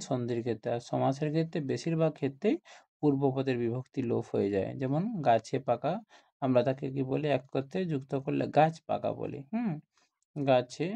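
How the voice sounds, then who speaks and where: A man's voice: mid-range voice, vocal fry, dark tone, dull audio. A man teaching a grammar lesson to school students, explaining step by step and often asking questions like "isn't it?".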